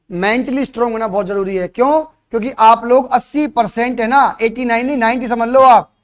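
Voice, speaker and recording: A man teaching at a coaching center, giving a motivational classroom talk and throwing rhetorical questions at his students. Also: very high voice.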